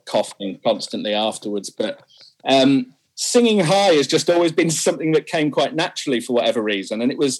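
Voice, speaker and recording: A young male singer talks candidly about his music in an interview, laughing often and poking fun at himself. His voice is medium-pitched, and the audio quality is poor.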